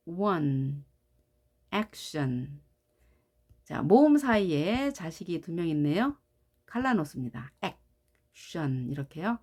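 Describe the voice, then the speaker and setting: A woman teaching English pronunciation in a phonics lesson, modeling each word patiently and clearly. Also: lowish voice, darkish tone. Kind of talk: slow-paced phonics lesson.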